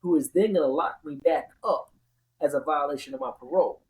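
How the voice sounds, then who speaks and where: A man's voice: a little high, fairly quick, poor audio. A man telling his own story in casual conversation as a podcast host, repeating words for emphasis.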